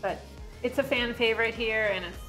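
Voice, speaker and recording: Sitting in a brick-walled restaurant booth indoors, a woman in her forties who owns the restaurant gives a casual, chatty interview and laughs easily. She speaks briskly in a fairly high, somewhat bright voice. The lapel mic recording is low quality, with soft music in the background.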